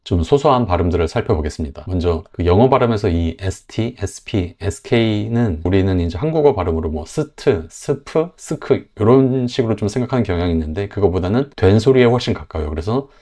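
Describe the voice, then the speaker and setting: A man with a Korean accent explaining English pronunciation in a lesson, slowly demonstrating words and sentences. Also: on the low side, expressive, dark tone. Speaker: English teacher.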